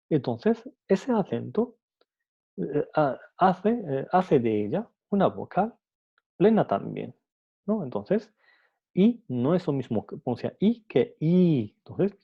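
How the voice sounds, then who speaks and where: A man talks through a phonetics lesson at an unhurried pace, his husky voice rising and falling in a lively way. He hesitates often, restarts his phrases and sounds out example syllables. The recording is dull and lo-fi. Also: mid-range voice. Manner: hesitant, many fillers and restarts. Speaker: teacher.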